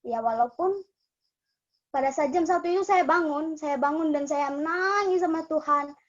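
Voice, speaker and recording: A young woman with a high voice shares a personal testimony at a church gathering. She talks in an earnest, emotional way and keeps restarting her sentences. The recording sounds dull and lo-fi. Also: moderate pace. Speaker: testimony speaker at a church cell group.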